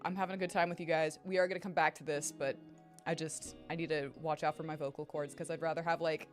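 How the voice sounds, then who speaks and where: Speaking fast in a low voice with little pitch movement, a young woman streamer chats with her viewers, tired and strained, rambling and swearing without restraint. Faint music sits behind her voice.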